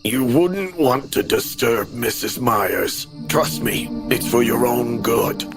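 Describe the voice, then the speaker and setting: A male narrator voicing a short, bald old restaurant man who gives flat, cryptic warnings, with music behind. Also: mid-range voice, takes it slowly, pitched above the performer's own voice. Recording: animation audio with background music.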